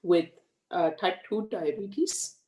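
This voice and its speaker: A woman's voice: fairly low pitch, mellow. Woman, roomy distant sound. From India, raised in Australia. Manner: frank, measured, many fillers. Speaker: guest. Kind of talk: conversational interview. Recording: echoey room, far from the mic.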